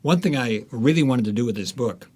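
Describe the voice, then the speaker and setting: A man interviewed as an author thinks aloud in a conversational, halting way, repeating words. His medium-pitched voice is expressive and a little mellow.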